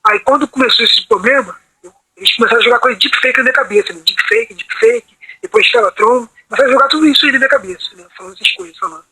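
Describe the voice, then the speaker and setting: A man with an extremely high, very fast, bright, husky voice and a forceful tone tells a long personal account on a video call. He rambles, asking "entendeu?" after almost every phrase. The recording is dry and rough.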